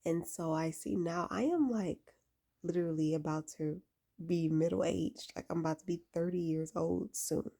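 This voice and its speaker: Addressing the camera, this late-twenties vlogger urges viewers on with faith-based lifestyle advice, speaking emphatically and casually and repeating key phrases to drive them home. She has a lowish, gravelly, warm voice at a moderate pace.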